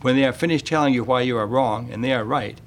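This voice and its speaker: A radio show host with a mid-range voice reads a measured, plain-spoken monologue about parenting and then interviews a guest. There is slight background noise.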